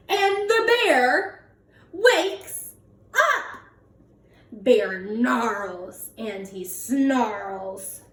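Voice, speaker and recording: Lady reading a kids picture book, high lively voice, kinda far from the mic. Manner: expressive, drawn-out words, asks listeners questions. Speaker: children's read-aloud host. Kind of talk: animated picture book read-aloud for young children. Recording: roomy echo, distant from the mic.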